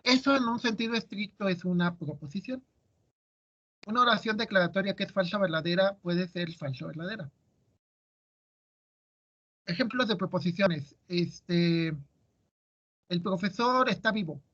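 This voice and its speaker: Male teacher, high voice, quizzing his students, muffled audio. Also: normal speed, pauses often, pushed and bright. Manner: asks students questions, explains step by step. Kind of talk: classroom lecture.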